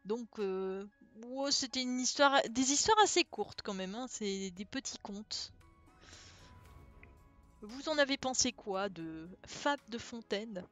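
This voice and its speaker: A woman streamer reading a storybook aloud and chatting casually with viewers, relaxed and thinking aloud with many fillers. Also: on the high side, slow pace. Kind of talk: casual live-stream chat and read-aloud. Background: faint background music.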